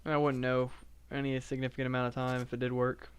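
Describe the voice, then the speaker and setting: A man streaming a game and rambling on, full of "like"s and half-finished thoughts in a flat, monotone delivery. His voice is smooth and resonant, pitched squarely in the middle for a man. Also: fast talker. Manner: rambling, filler-heavy, self-described monotone. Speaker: live-streaming gamer. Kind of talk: casual live-stream chat while playing.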